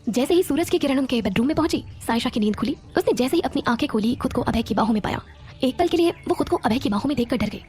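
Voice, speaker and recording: A woman narrating a romantic audio series in a steady storytelling manner. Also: high voice, fast.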